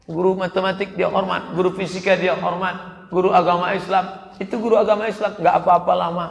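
A male preacher, giving a humorous, animated public sermon that mixes Arabic verses with joking asides. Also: sits high, brisk, vocal fry, slight background noise. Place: large hall at a mass religious gathering. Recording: echoey hall with long reverb.

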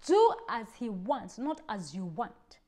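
A woman preacher giving an emphatic sermon, repeating phrases and rising to loud exclamations. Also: a little high, sing-song, slow pace. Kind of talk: sermon teaching.

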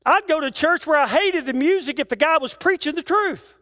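A man's voice: extremely high pitch, fairly quick, pushed and bright. A man preaching a sermon in a church, moving from rhythmic declaimed lists to conversational asides to the congregation. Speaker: pastor. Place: church sanctuary.

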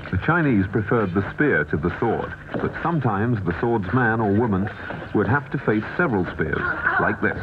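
A man reading scripted documentary narration in a measured, even way, heard from a worn VHS tape copy. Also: on the low side, noisy background. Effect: worn VHS tape copy, muffled and lo-fi. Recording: muffled worn videotape with music behind.

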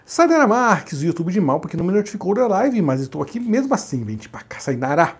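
A man reads a livestream chat aloud and greets viewers by name. His voice is gravelly and a little husky, and it swings up and down with lively pitch. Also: quick pace. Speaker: livestream co-host reading chat.

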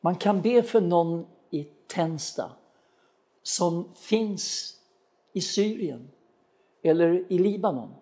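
Earnest preacher man with a mellow voice. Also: high voice, lively intonation, long pauses. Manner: earnest, addresses listeners directly. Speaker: pastor. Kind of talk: televised sermon with storytelling. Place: studio broadcast of a web church.

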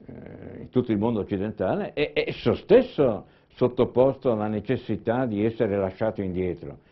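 A man giving a talk as a panelist at a conference, speaking deliberately and often restarting and repeating words. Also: medium pitch. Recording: dull lo-fi conference recording.

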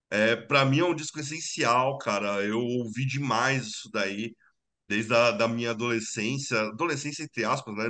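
Bright-voiced Brazilian man reviewing records. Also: mid-range voice. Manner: relaxed, enthusiastic, filler-heavy. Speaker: co-host, bass player. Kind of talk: casual album review chat. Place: home room. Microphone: video call webcam.

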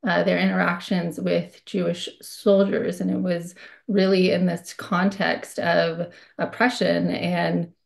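Female guest from the US, candid and personal, on a video call, with a gravelly, lowish voice. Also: level tone, takes it slowly. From United States. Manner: candid, with frequent fillers. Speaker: guest speaker. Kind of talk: personal account.

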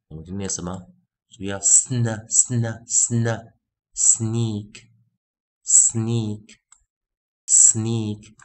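A man teaching English pronunciation, repeating sounds and words slowly and with emphasis in a phonics lesson. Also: mid-range voice. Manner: drawn-out, emphatic word drills; self-refers as teacher.

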